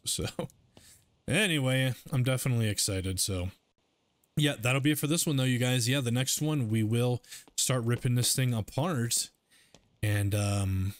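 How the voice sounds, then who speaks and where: A man hosting a gaming channel, chatting casually and excitedly over his gameplay and laughing often. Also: mid-range voice, dry recording. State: hiccups.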